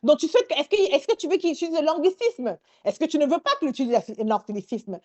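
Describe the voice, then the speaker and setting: A woman with a high, fast voice leads a live online workshop energetically, sprinkling English words into her talk.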